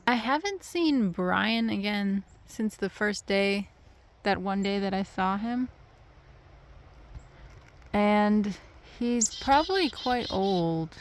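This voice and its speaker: A woman's voice: mid-range voice, lively intonation, takes it slowly, a little hiss or hum. A woman vlogging casually outdoors in the woods, coaxing wild birds and talking to them. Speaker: nature vlogger. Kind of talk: casual outdoor vlog narration.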